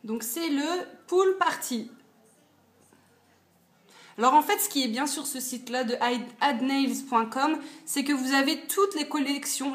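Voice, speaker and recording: A woman in her twenties chatting casually about her purchases in a beauty haul video, with lots of fillers. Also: high voice. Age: 20s. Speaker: beauty vlogger. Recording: echoey room, faint noise.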